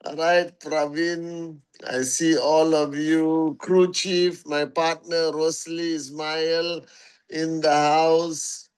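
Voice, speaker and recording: A man's voice: on the high side, level tone, takes it slowly, smooth. A man hosting a casual livestream for his network marketing followers, greeting viewers one by one as warriors and repeating phrases for emphasis, on a phone mic.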